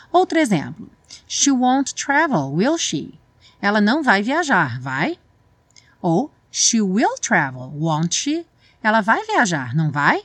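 A woman teaching an English lesson, explaining pronunciation slowly and carefully. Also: mid-range voice, no room sound. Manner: slow, explanatory, reads English song lines slowly.

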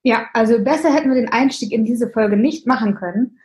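A woman's voice: on the high side, fairly quick, a little mellow, poor audio. A woman hosting a career podcast, introducing her guest and asking friendly questions. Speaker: podcast host. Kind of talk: podcast interview.

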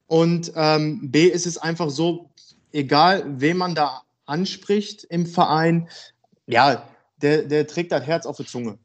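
A man in his thirties from Germany, a football player talking frankly and a bit haltingly as a podcast guest. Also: a little high. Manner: frank, rambling, hesitant. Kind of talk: casual podcast interview.

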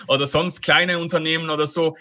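A man from Switzerland with a Swiss German accent, talking as a podcast guest. His voice is bright and slightly higher than most men's. He speaks loosely, with many fillers and frequent laughter. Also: flat delivery, brisk. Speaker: guest, online marketer. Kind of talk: casual podcast interview.

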